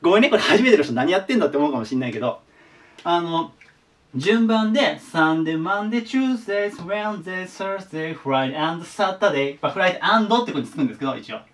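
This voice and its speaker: An online tutor gives a casual whiteboard lesson, chatting away and sharing his own memory tricks. His voice is a little high, very animated, and racing, and he sounds a bit far from the mic.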